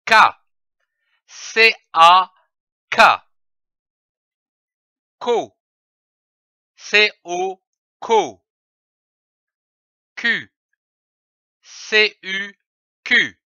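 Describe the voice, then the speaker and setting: A man teaching children to read, sounding out syllables slowly and with careful articulation. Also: sits high, no room sound, clean studio sound. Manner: slow, carefully articulated, lively intonation. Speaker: reading teacher. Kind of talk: slow syllable-by-syllable reading lesson.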